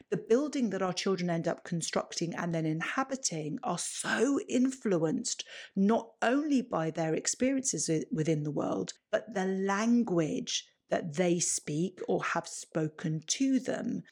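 A woman's voice: lowish voice, darkish tone. A woman hosting a solo podcast, explaining advice step by step and often rephrasing as she builds lists. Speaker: parenting podcast host.

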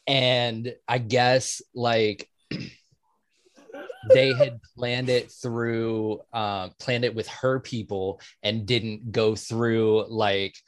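A man co-hosting a casual podcast who tells stories slowly, full of ums and the odd curse. His voice sits at a middle pitch and is recorded dry and close. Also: flat delivery, dry recording. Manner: drawn-out, hesitant with many fillers, swears. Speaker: podcast co-host. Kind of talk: casual chat, storytelling.

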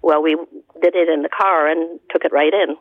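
Older lady phoning in to a radio show, sounds thin like a phone, frustrated and halting. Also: low voice, fairly even intonation, no room sound. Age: 70s. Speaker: caller. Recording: tinny phone line.

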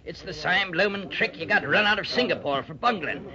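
A man's voice: sits high, expressive, fairly quick, a crowd in the background. A man playing a wary, villainous seaman henchman in an old radio adventure. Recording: dull lo-fi old radio recording.

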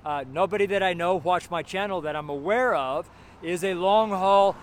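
A seventy-year-old American man preaches on the street beside a road with passing cars, giving a casual, rambling sermon and chuckling to himself now and then. His voice sits high, his pace is moderate, and there's slight background noise.

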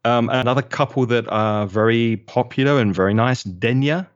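A man's voice: medium pitch, normal speed, no room sound, dull audio. A man with a London accent, a guest chatting casually and enthusiastically in an interview, spelling out names as he goes. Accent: London English. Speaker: guest, local resident.

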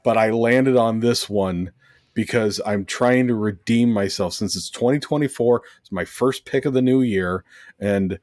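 A man co-hosting a casual podcast chat, wry and deadpan, who swears casually as he lays out his picks. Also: lowish voice, a little slow. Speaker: podcast co-host.

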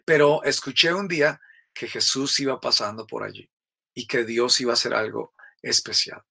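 A man's voice: mid-range voice, steady tone, normal speed, gravelly, pushed and bright. A man giving an earnest, storytelling sermon and speaking straight to the listener. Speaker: preacher. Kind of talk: sermon-like spiritual reflection.

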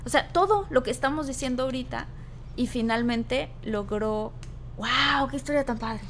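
A woman's voice: high voice, moderate pace, a bit bright, a little hiss or hum. A woman with a Mexican accent hosting a casual chat, reacting with enthusiastic exclamations. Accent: Mexican Spanish.

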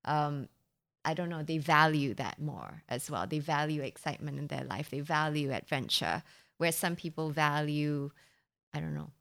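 A woman's voice: low voice, moderate pace, creaky, a bit bright. A woman from Singapore hosting a casual chat, musing aloud and hedging with fillers.

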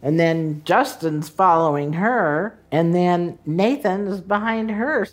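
A woman being interviewed, slowly and plainly recounting a personal memory, with fillers. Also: fairly low pitch. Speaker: interviewee, mother recalling events.

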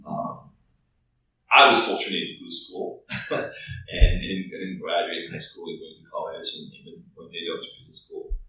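A low, creaky voice at normal speed belongs to a man from France, a startup founder in his thirties with a French accent. Reflecting casually during an interview, he leans on fillers and repeated words. Faint noise, echo, and a distant mic mark the recording.

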